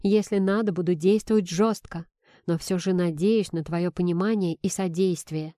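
Audiobook: woman reading a stubborn, hot-tempered young man, emphatic, mellow tone, dry close sound. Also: on the low side, steady tone, moderate pace, dry recording, natural voice. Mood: determined.

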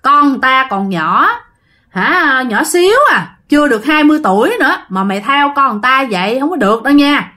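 A woman voicing a stern old man, a folk healer at a home temple, who scolds in a gruff way while telling a story. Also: mid-range voice, very animated, brisk, a bit bright. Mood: scolding.

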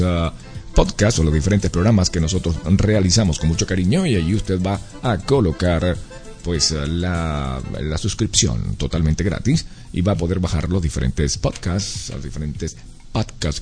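A male radio host with a low voice speaks straight to his listeners in a chatty, repetitive way. His pitch swings lively as he explains. Faint music plays underneath. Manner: animated, addresses listeners directly, repeats points. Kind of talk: chatty live radio talk.

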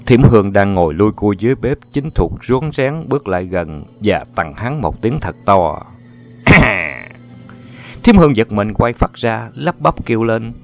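A man narrates a story, moving his pitch freely. The recording sounds a little dull, with faint music underneath. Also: animated, moderate pace, few pauses, darkish tone. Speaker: audiobook narrator.

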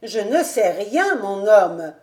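A woman's voice: medium pitch, very animated, slow pace, warm tone. A woman reading as a sorrowful old noblewoman. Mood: confiding. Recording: roomy echo.

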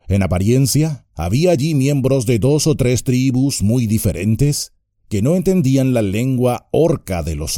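A man narrating an audiobook with an expressive, dramatic reading. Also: medium pitch, no room sound, clean studio sound.

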